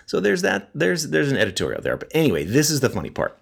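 A man's voice: medium pitch, huge pitch swings, fast talker, creaky, slightly rough. A middle-aged man with a wheezy voice and a head cold, chatting casually as a podcast host and breaking off his own sentences as he tells stories. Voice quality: wheezy, congested voice. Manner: chatty, self-interrupting, storytelling. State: sick with a cold.

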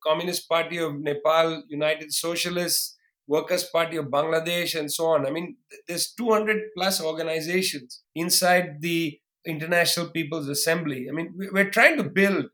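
A man, talking quickly and emphatically as a guest on a podcast interview, with sarcastic asides. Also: on the high side, fairly even intonation, a bit bright. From India. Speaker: guest historian.

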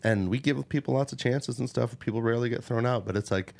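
A man's voice: medium pitch, quick pace, gravelly. A man hosting a podcast, chatting casually and acting out the people in his stories. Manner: animated storyteller, acts out quoted people. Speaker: podcast host. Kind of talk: casual chat.

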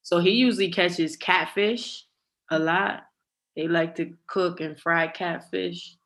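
A woman from Connecticut, a professional athlete, talks slowly and easily as a podcast guest. Her voice is bright and clear. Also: lowish voice, fairly even intonation. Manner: unhurried, easygoing answers. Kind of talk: casual interview.

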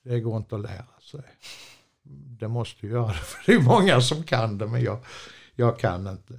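Gravelly older man telling rambling stories. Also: mid-range voice, animated. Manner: chatty, meandering, many fillers and restarts, chuckles often. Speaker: storyteller, former truck driver. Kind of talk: rambling anecdotal storytelling.

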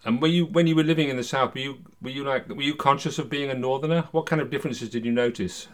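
A man's voice: mid-range voice, fast talker. An older man hosting a podcast, introducing it and talking conversationally in a studio. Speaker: podcast host.

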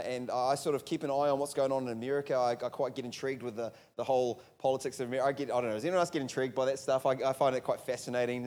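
A New Zealand pastor with a mid-range, slightly mellow voice preaches a conversational sermon in a church hall, throwing rhetorical questions to the congregation and restarting his sentences. He's picked up on a handheld or stage mic.

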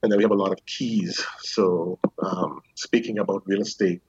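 A Bahamian man in his fifties with a fairly low, husky voice, explaining things at a measured pace, filling gaps with ums. His voice sounds dry and dull, like muffled lo-fi call audio. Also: fairly even intonation, a little mellow, no echo. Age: 50s. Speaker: real estate agent guest. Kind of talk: remote interview.

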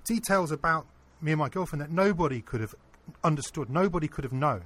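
A man being interviewed, earnestly telling a personal anecdote in a casual, animated way. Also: on the high side, fairly quick. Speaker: interview guest. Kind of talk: casual storytelling.

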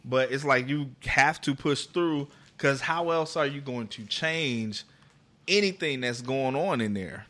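Male podcast co-host, bright voice, opinionated, rambles and curses. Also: medium pitch, a little slow. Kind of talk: casual chat.

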